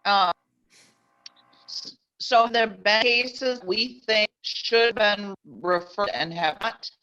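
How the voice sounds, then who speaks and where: A woman asking a halting question in a meeting over a video call, her voice muffled and garbled as if she were underwater. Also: mid-range voice, sharp tone. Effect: muffled, garbled sound like talking underwater. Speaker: work group member on a video call. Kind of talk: meeting discussion. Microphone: video call connection. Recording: dull lo-fi video call audio.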